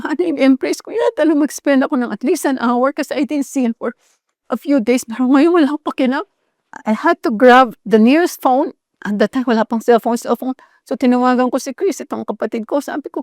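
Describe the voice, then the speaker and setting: A woman's voice: high voice, darkish tone, dry recording, studio quality. A middle-aged Filipino woman giving an emotional testimony sermon as a preacher, switching between Tagalog and English as she tells her story.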